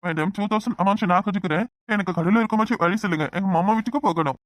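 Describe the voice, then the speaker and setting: A woman's voice: medium pitch, racing, dry recording, natural voice. A woman voicing an awkward young man back from abroad, who mixes broken English into his Tamil in a cartoon. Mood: lost.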